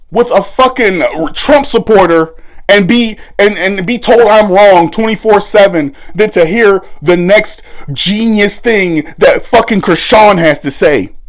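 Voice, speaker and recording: A man hosting a commentary channel, ranting angrily with heavy swearing and bursts of shouting. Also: high voice. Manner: furious, swearing, voice breaking into shouts. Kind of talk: angry commentary rant. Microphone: no usual setup.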